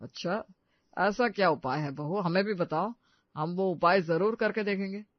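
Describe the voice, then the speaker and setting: A woman voicing an elderly, cautious father-in-law who talks gruffly, in a dull, dry recording. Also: lowish voice, moderate pace, dry recording, close to an everyday voice. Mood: curious.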